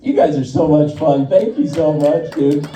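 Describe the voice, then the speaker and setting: A young man doing a crude, excitable stand-up set with lots of swearing at a show in a record store. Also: fairly high pitch, normal speed, noisy background. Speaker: stand-up comedian. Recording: roomy live room from far off, loud crowd.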